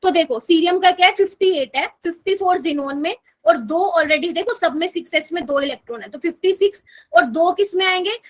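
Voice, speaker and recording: A woman with a high voice teaches a chemistry lesson online. She speaks with a Hindi accent. She walks through each step and keeps asking her students whether they are following. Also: fairly quick. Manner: explains step by step, asks students to confirm with "okay?". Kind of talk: online class lecture.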